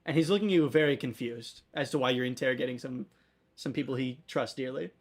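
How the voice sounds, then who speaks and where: A man's voice: mid-range voice, quick pace, husky. A young man casually narrating and making rulings as game master of a tabletop game. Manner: relaxed, chatty, improvising rulings.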